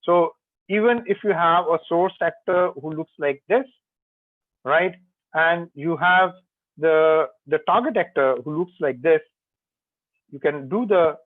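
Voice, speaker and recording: A man's voice: on the high side, dry recording. A man giving an online webinar lecture, explaining step by step with frequent "uh" and "you know" fillers. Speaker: guest speaker on technology. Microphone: video call. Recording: tinny phone-like call audio, dry.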